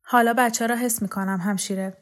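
A woman's voice: on the high side, fairly even intonation, natural voice. A woman narrator voicing a small, impatient female doctor with a clipped, urgent manner in an audiobook. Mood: brisk.

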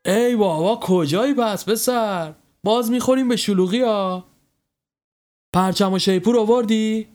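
Man voicing a young male football fan, impatient, shouting, higher voice. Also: natural voice. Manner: loud, excited shouting.

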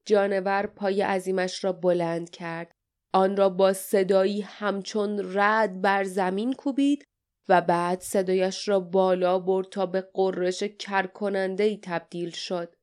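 A woman reads an adventure audiobook in a smooth, clear voice. Her scripted narration is steady and dramatic, carrying the tension of the story. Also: medium pitch.

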